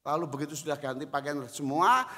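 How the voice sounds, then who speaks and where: Retired pastor, male, high and bright voice, sermon in a reverberant church hall, shifts between shouting and quiet. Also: animated, fast talker. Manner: swings from loud exhortation to low quiet storytelling; acts out voices in anecdotes. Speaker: pastor emeritus.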